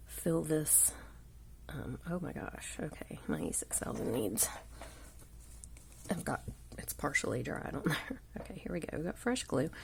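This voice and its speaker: A congested woman with a cold leads an easygoing live craft tutorial indoors, her hands at the table shown by an overhead camera. Her gravelly voice is deep and a little mellow. She tends to ramble chattily, frequently dropping to a murmur.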